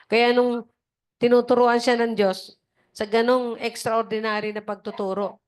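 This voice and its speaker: A woman's voice: a little high, little pitch movement, a little slow, darkish tone, clear, resonant tone. Woman preacher on a video call, chatty sermon style, plays the people she quotes and keeps asking her listeners to agree. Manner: conversational, acts out quoted voices, asks "di ba?". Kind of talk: casual sermon.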